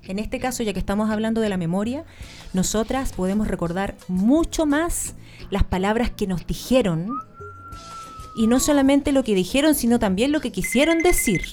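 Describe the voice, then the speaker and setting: A woman with a Chilean accent, a guest speaker explaining her points in an animated, casual interview chat. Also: a little high, moderate pace, soft background music.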